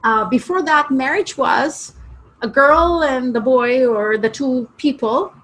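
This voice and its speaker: High-voiced animated woman from Kuwait. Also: takes it slowly, low-quality recording. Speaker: hypnotherapist guest. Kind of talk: interview answers.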